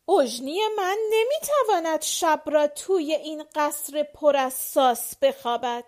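A woman voicing a grumbling, plaintive maid with a shrill, complaining tone in an audiobook. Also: expressive. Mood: shrill complaint. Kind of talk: audiobook character voice.

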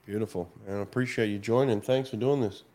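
A man's voice: lowish voice, fast, darkish tone. A man hosting a casual live stream, chatting with callers in an upbeat, laid-back way. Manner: laid-back, upbeat, calls guests champ and mate. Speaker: host.

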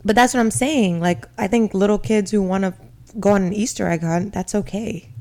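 A woman's voice: mid-range voice, moderate pace, darkish tone. A woman chatting casually as a podcast co-host, opinionated and teasing. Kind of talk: casual chat.

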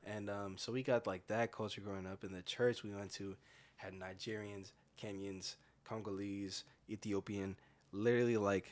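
A man's voice: lowish voice, fairly even intonation, moderate pace. A man from the American Midwest in casual podcast chat, laid-back and full of fillers and restarts. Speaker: podcast co-host.

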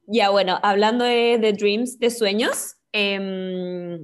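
A woman's voice: mid-range voice, fairly even intonation, slow pace, clean tone. A young Chilean woman co-hosting a podcast, chatting casually in a bubbly, scattered way and laughing often. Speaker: podcast co-host. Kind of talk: casual chat.

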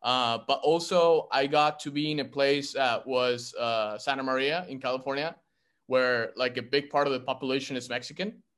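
Halting young man from Argentina. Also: medium pitch, fairly even intonation, a bit bright, clear, resonant tone. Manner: halting, many fillers and restarts. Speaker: actor in a script reading. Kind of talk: casual discussion.

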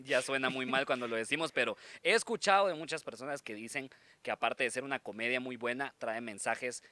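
A man's voice: mid-range voice, a little fast, pushed and bright, no echo. A man with a Guatemalan Spanish accent co-hosting a podcast in casual chat. He jokes around and reads out listener comments. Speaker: podcast co-host.

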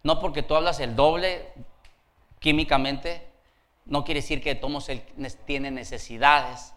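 A male pastor preaches a sermon with a bright, fairly high voice. He works the congregation with call-outs and keeps a playful, laughing tone. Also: moderate pace. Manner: lively, calls out to the congregation for responses.

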